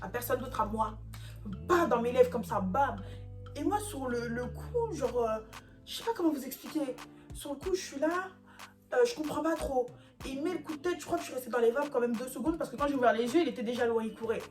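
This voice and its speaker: A young woman from France tells a story to camera with lively, slangy drama, her voice sitting a little high for a woman. Music plays clearly underneath her talk. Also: fairly quick. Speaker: YouTuber telling a story. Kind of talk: animated storytime vlog.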